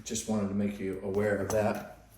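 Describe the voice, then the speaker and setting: A man acting as landlord, narrating a walkthrough video of an empty house in a slow, halting way with plenty of pauses. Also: on the low side, monotone, a little mellow. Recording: roomy echo with faint noise.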